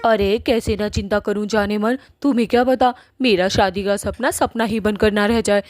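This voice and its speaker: A woman's voice: mid-range voice, steady tone, moderate pace, darkish tone, no room sound, lightly acted. A woman voicing a pleading young witch bride in a cartoon story, in a whiny tone.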